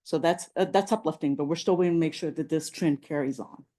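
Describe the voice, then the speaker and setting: A woman's voice: deep voice, quick pace, warm tone. A woman presenting slides at a public planning meeting, walking through figures with frequent fillers like "um". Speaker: transportation agency presenter.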